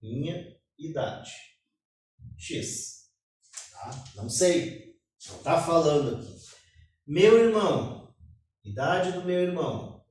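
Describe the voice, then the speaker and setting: Brazilian male math teacher, slow, step-by-step lecture, coughs at times; distant mic in a very echoey room. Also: fairly high pitch, expressive, a little mellow. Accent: Brazilian Portuguese. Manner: explains step by step, keeps saying "ó". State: coughing now and then. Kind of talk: classroom lecture.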